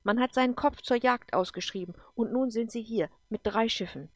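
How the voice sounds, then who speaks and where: A woman's voice: a little high, normal speed, dry recording, voice pushed up, natural voice. A worried male colleague pressing an urgent warning , read by a woman. His words come insistent and a bit raised. The sound is close and dry.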